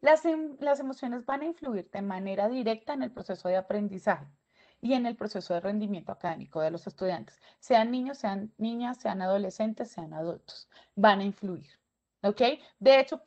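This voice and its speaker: Lady teaching a webinar, animated, keeps checking in w listeners, kinda muffled audio. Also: medium pitch, moderate pace. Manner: animated, asks checking questions, acts out student voices. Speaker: lecturer. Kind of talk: educational webinar lecture.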